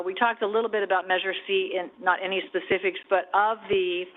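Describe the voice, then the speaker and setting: A man chairing a city council meeting, giving his report with joking, teasing asides. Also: sits high. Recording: tinny phone-like broadcast audio.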